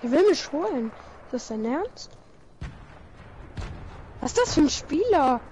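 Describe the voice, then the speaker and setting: A high-voiced woman streaming a game with a friend, talking in a loose, chatty way between callouts. Her tone sits bright and upward, and she keeps a running commentary while playing. A faint hiss sits under her voice. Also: very animated, unhurried. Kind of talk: casual gaming chat.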